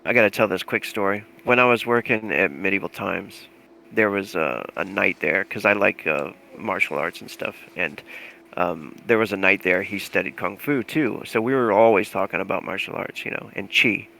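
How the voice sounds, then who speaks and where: A man's voice: low-pitched, normal speed, vocal fry, bright, forceful tone, a little hiss or hum. A man narrating as game master of a tabletop role-playing game, telling it in a loose, rambling way with many fillers.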